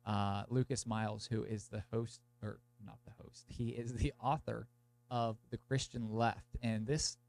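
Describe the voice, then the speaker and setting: Young male podcast host, low voice, gravelly fry, congested blocked nose, sick with a cold, informal rambling delivery. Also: flat delivery, unhurried, a little mellow. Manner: informal, meandering, peppered with "like". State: sick with a sore throat and stuffed nose. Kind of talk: casual monologue to listeners, introducing an episode.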